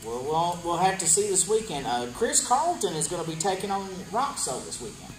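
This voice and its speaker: A man's voice: high voice, very animated, a little fast. A man hosting a wrestling promo interview, announcing upcoming matches and putting questions to a wrestler. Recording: echoey room with music behind.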